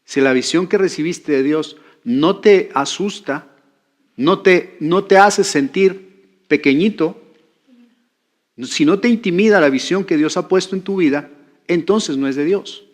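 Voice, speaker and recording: A male pastor with a slightly high voice preaches in a conversational way. He keeps asking the congregation questions and checking that they follow along. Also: measured pace. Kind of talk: sermon.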